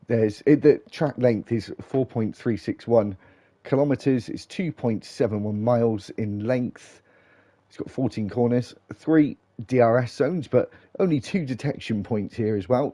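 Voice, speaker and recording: A man hosts a live esports race broadcast as lead commentator. His voice is mid-pitched and mellow, with a relaxed tone. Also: dry recording.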